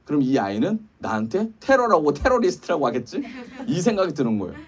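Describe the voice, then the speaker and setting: A man's voice: a little high, very animated, fast, recorded from a distance. A male pastor in his thirties giving a conversational sermon full of rhetorical questions. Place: church sanctuary.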